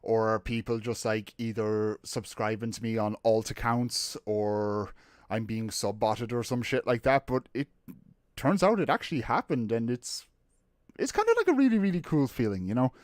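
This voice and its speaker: A man's voice: fairly low pitch, steady tone, normal speed, no room sound, clean studio sound. A man chatting casually on his live stream, rambling, swearing freely and greeting viewers by name, a bit out of breath.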